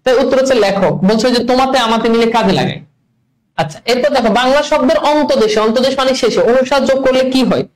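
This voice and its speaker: Fast-talking high-voiced male teacher. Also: low-quality recording. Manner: quizzing students with rapid questions and answers. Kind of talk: online class quiz review.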